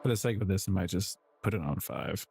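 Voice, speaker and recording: A man's voice: deep voice, animated, fairly quick, creaky. A man casually talking to himself while building music samples, rambling and correcting himself with small chuckles. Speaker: music producer streaming his work. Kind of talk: casual commentary while working.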